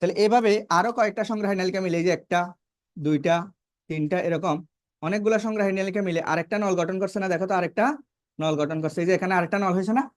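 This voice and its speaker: A man's voice: sits high, fast, no room sound, studio quality. A man teaching a biology class, asking questions and then answering them himself, and repeating key terms to drive them home. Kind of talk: classroom lecture.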